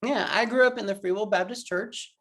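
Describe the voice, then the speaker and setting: A man's voice: sits high, brisk, a bit bright. A man with an Oklahoman accent, giving an earnest, reflective personal testimony as a guest on a video-call interview. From Oklahoma, USA. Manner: earnest and reflective, with many fillers.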